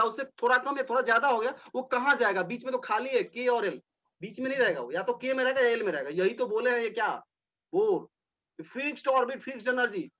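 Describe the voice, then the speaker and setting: A man's voice: extremely high pitch, sharp tone, highs cut off. A male teacher giving a classroom lecture, explaining step by step, repeating points and speaking directly to his students.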